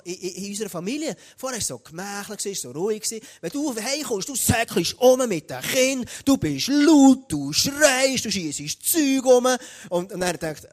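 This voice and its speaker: A pastor with a Swiss German accent preaches a sermon, speaking directly to his congregation with lively energy. His voice sits high.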